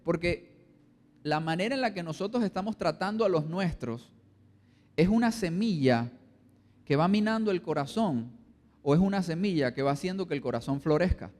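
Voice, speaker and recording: A high-pitched male pastor from Colombia preaches to his congregation, slipping into quoted voices and then rising again. His voice rings through the long reverb of a church hall. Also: lively intonation, moderate pace. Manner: preaching with acted-out quotes, dropping low and rising loud. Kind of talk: sermon.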